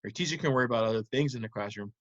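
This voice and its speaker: Male primary teacher, mid-pitched, simple instructive delivery with check-in questions, dry but slightly dull recording. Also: racing, fairly bright tone, no room sound. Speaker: teacher of young children. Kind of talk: simple interactive children's lesson.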